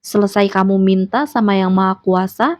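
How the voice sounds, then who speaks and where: A woman's voice: mid-range voice, steady tone, moderate pace, no room sound. A woman, giving a motivational monologue and coaching the listener with direct questions. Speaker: motivational speaker.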